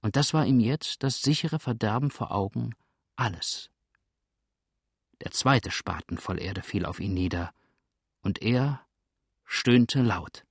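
A man's voice: lowish voice, slow pace, gravelly, pauses often, breathy edge, no room sound, clean studio sound. Man reading an adventure story aloud. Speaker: audiobook narrator. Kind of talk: scripted narration.

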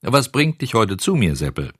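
A man's voice: lowish voice, sing-song, normal speed, fairly bright tone, breathy edge, dry recording, clean studio sound, pitched above the performer's own voice, exaggerated voice. A man doing a timid old carpenter. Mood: quarrelsome. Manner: nervous bluster. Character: timid bristly-haired old male carpenter.

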